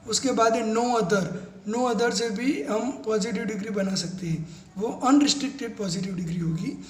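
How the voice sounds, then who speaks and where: A man teaching English grammar step by step, spelling words out letter by letter and reading English definitions slowly. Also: sits high, echoey room. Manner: mixes slow English definitions into quick explanations. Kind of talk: classroom-style grammar lesson.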